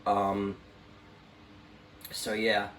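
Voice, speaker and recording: Speaking very slowly in a low, monotone voice with a fairly bright tone, a man shows off his radio collection. His show-and-tell is casual and unscripted, and he rambles hesitantly, frequently letting sentences trail off. Light background noise and a roomy echo fill the recording.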